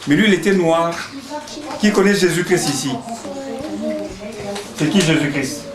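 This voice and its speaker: A man from Congo teaches at a singing school, chatting with the children in class, asking them questions, cheering them on and laughing a lot. His voice is slightly high and slightly slow. The room echoes, with the noise of a crowd of children behind him.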